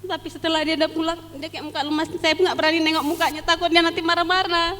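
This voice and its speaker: A woman's voice: very high voice, flat delivery, rapid-fire, sharp tone, long reverb tail. A woman giving a fervent, pleading church testimony, sometimes near tears. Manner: fervent, pleading, at times tearful.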